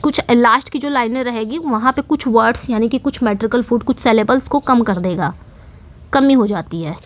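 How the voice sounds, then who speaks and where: A woman's voice: a little high, normal speed. Woman explaining, raised voice. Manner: explanatory, repetitive, asks and answers own questions. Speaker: English literature teacher. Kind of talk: online lecture in Hindi mixed with English terms.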